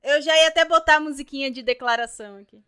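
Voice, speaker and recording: A woman with a Brazilian Portuguese accent chatting casually, her voice high and bright. She talks in a relaxed, slangy way with her co-host. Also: fast talker. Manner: relaxed, conversational, uses slang. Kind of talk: casual chat.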